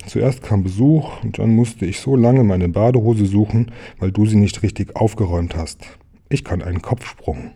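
A man's voice: fairly low pitch, moderate pace, gravelly, warm tone, husky. A man voicing a naive, easily led little tiger in a children's storybook, earnest and childlike.

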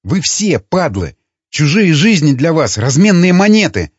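Guy doing an angry young rebel, husky and accusing, lots of pitch swing, kinda dull audio. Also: very animated, normal speed, no echo. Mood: furious. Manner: impassioned, accusing. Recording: dull lo-fi recording.

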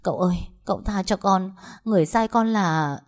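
A woman's voice: mid-range voice, moderate pace, lightly acted. A woman voicing a frightened young servant girl begging for mercy. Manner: trembling, begging.

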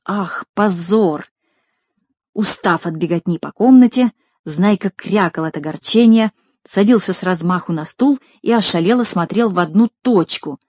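A woman reading a children's story aloud in an expressive, lively narrating manner. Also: lowish voice, moderate pace, no echo, clean studio sound. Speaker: audiobook reader.

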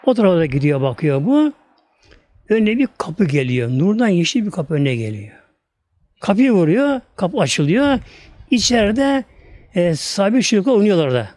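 High-voiced man preaching a sermon. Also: very animated, normal speed, a little mellow, dry recording. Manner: repetitive, fervent storytelling. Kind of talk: sermon storytelling.

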